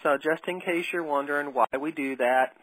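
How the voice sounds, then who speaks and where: A woman's voice: low-pitched, normal speed, fairly bright tone, poor audio. A woman hosting a spiritual podcast interview, talking in an earnest, emphatic way. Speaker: podcast host.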